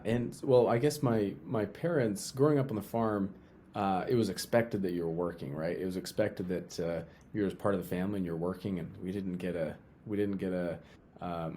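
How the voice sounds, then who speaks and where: A man's voice: low voice, mellow, a little hiss or hum. A young man from Utah, a guest talking casually in an interview, often repeating and restarting his phrases.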